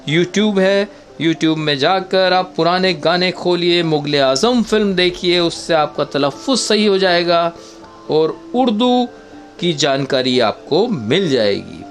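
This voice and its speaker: A man giving viewers step-by-step acting advice in an unhurried, instructive way, often calling them friends. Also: a little high, lively intonation, faint music behind. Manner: demonstrates dialect voices in short quotes. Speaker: travel vlogger giving acting tips.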